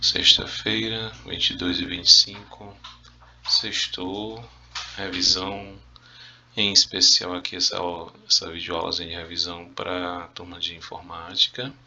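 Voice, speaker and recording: A Spanish teacher with a Brazilian Portuguese accent runs a casual, joking review lesson for his students, coughing now and then. His low voice sounds pushed and bright, keeping a level tone at a measured pace.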